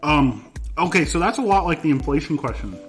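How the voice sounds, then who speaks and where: A man casually explaining things in a halting way, often checking in with short tag questions. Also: fairly high pitch, lively intonation, soft background music. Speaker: teacher answering student questions.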